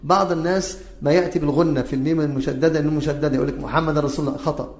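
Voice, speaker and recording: A man leads a religious lesson, pressing his listeners with repeated questions and chanting examples aloud. His voice sits a little high. The sound is roomy and echoey. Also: steady tone, racing, darkish tone. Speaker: religious teacher. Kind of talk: religious lesson on the call to prayer.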